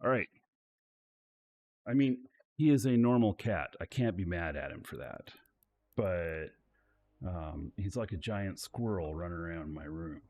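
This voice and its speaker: Slow, relaxed low-voiced man streaming. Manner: relaxed, thinking aloud. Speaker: game streamer. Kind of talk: casual live-stream commentary.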